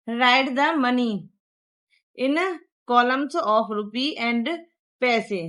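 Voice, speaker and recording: A woman with an Indian accent teaching a primary-school math lesson, explaining step by step and switching between Hindi and English. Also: high-pitched. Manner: reads English textbook sentences very slowly. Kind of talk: explaining a textbook lesson to young pupils.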